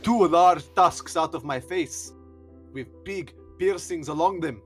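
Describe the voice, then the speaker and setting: A man's voice: fairly low pitch, steady tone, normal speed, a bit bright, faint music behind, lightly acted. A man voicing a large, stern male elephant-man warrior in broken English with a put-on accent. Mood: gruff boastful.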